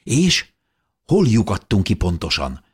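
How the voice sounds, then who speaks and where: Guy doing a teen boy, pitched way up, breathless and eager, a bit husky. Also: wildly swooping pitch, exaggerated voice. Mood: earnest.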